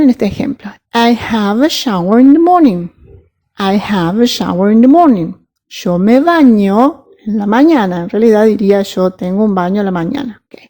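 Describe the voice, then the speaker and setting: A woman teaching English grammar, patiently checking that her students follow and spelling out examples slowly. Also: mid-range voice, warm tone. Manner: patient, checks understanding with frequent "¿sí?" and "¿mm?". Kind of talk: recorded grammar lesson.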